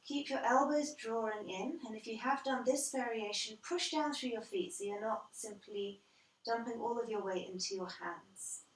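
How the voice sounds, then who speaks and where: A woman guiding a yoga class as instructor, calm and measured, step by step. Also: a little high. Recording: roomy echo, distant from the mic.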